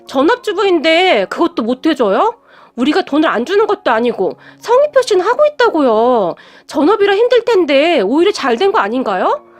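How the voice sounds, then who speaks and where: A woman's voice: extremely high pitch, sing-song, a little fast, pitched above the performer's own voice. A woman voicing a brazen, whiny sister-in-law in a storybook tale.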